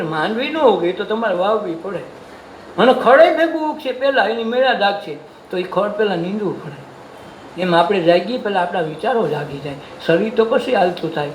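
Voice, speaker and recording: A man with a Gujarati accent giving a devotional sermon, folksy, asking questions and answering them himself. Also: high voice. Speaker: satsang preacher. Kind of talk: devotional sermon with sung verses. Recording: echoey room with faint noise.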